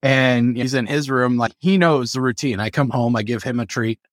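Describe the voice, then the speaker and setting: A man's voice: mid-range voice, moderate pace, no room sound, studio quality. A man who keeps parrots chatting casually in a group and acting out little quotes as he tells stories. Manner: animated storyteller, acts out quotes. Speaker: parrot owner.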